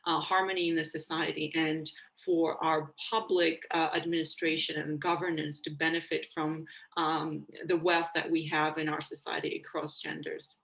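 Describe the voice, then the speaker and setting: A woman speaking as a panelist, measured and halting, with many fillers. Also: low voice, level tone, gravelly, fairly bright tone, rough recording. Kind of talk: panel discussion remarks.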